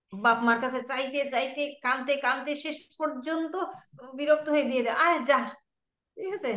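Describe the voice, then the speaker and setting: A woman teaching Quran pronunciation in an online class, patiently repeating letter sounds slowly for her students over a video call. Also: a little high, fairly bright tone.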